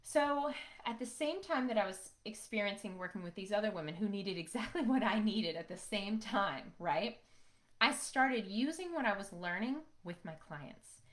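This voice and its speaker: A woman's voice: mid-range voice, animated, moderate pace, fairly bright tone. A middle-aged woman, hosting a podcast and telling her own story in a casual, conversational way, often checking in with "right?". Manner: conversational, frequent "right?" tag questions. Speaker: podcast host.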